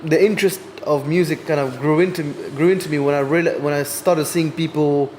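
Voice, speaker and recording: A man's voice: a little high, steady tone, fairly quick, a little mellow, slight background noise. A man in his twenties, a music artist guest on a podcast, telling his story thoughtfully with frequent hesitations. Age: 20s. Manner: thoughtful, hesitant with many ums. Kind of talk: casual interview chat.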